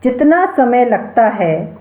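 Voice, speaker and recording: Slow, deliberate woman lecturing in an echoey room. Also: fairly high pitch, very animated. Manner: spells out sounds and sutras, repeats key terms. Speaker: Sanskrit lecturer. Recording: echoey room over a tinny phone-like line.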